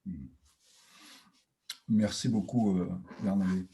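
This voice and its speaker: A man moderating a literary discussion panel, speaking haltingly with many fillers. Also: sits low, fairly even intonation, dark tone.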